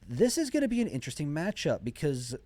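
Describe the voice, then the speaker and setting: A man's voice: fairly high pitch, very animated, quick pace, a little mellow. A man commentating live on a video game match in an esports caster style, talking at length through the plays. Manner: esports caster delivery, talkative, exclaims over plays. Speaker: esports commentator, also a player. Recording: music behind the voice.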